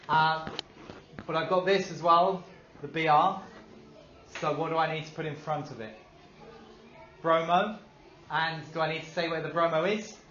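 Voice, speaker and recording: A man's voice: a little high, a bit bright, slight background noise. A male teacher giving a classroom lesson, upbeat, asking the class questions and praising their answers. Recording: dull echoey classroom recording.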